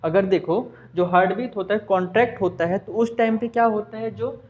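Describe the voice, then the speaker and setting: A man's voice: high-pitched, brisk, darkish tone, muffled recording. A man teaching a science class, with a Hindi accent, who asks and answers his own questions and mixes in English terms. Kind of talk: class lesson.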